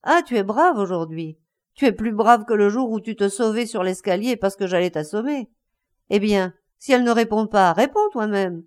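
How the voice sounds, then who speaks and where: A woman voices a betrayed husband in a story, a bitter, enraged older man who bursts out breathlessly, scornful and insistent. She pitches it above her own voice, landing a little high, very animated, at normal speed.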